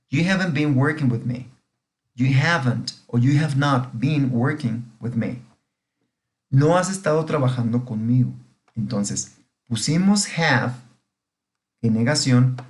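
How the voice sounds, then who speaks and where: A middle-aged man walks through an English grammar lesson for his students. He explains slowly and patiently, step by step, and keeps checking that they understand. His voice sits at an ordinary pitch for a man. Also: darkish tone. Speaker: English teacher. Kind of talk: recorded online grammar lesson.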